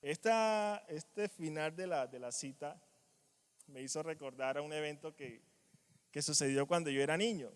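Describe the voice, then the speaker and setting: High-voiced preacher in a reverberant church. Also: male voice, normal speed, clean tone. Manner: animated, acts out quoted voices, strong swings in loudness. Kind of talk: sermon. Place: church hall.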